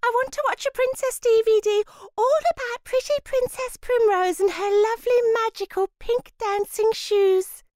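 A woman voicing a whiny little boy who pleads in a shrill, high voice. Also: fairly even intonation, normal speed, hardly any pauses, darkish tone, no echo. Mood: whiny pleading.

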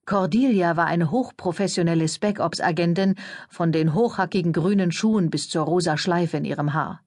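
A woman's voice: on the low side, moderate pace, a little mellow, dry recording. Woman narrating an audiobook, dry sound. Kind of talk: first-person audiobook narration.

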